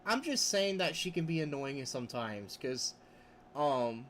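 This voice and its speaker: In an animated, slightly bright voice at a measured pace, a streamer reads his chat aloud and chats casually, often restarting and breaking into laughter. He mentions that his vocal range is pretty high. There's slight background noise.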